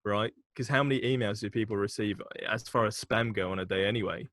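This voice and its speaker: Brisk and a bit bright, this man's lowish voice comes through with no echo. As a podcast guest who founded an agency, he discusses his marketing work openly and casually, laughing and cursing from time to time.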